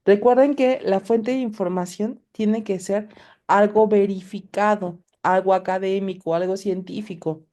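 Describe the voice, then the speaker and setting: Patient teacher, mellow voice. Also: female voice, medium pitch, steady tone, a little slow. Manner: patient, explanatory, direct address to students. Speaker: online course teacher. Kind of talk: recorded class with screen demo.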